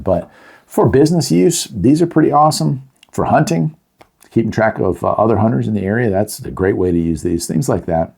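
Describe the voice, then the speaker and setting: Gravelly, a bit mellow, and on the low side, this middle-aged man's voice carries a casual product review delivered off the cuff. As host of a review channel, he keeps things homespun, talkative, and plain.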